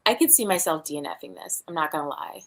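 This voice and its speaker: Hosting a book livestream, a woman chats casually about reading in a blunt, exasperated manner. Her low voice is expressive and quick.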